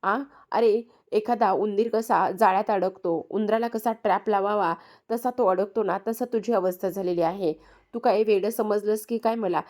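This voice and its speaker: A woman's voice: mid-range voice, darkish tone, close to an everyday voice. A woman voicing a stern young woman who protects her home and scolds a thief, read inside a recap. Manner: read as quoted lines within a narrated recap.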